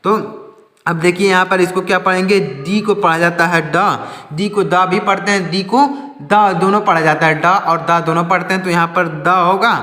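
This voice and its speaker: Man, high voice, patient spelling lesson, self-correcting, roomy echo. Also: steady tone, bright, forceful tone. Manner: slow, repetitive, asks and answers his own questions; often corrects himself mid-sentence. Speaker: teacher. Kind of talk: step-by-step reading lesson.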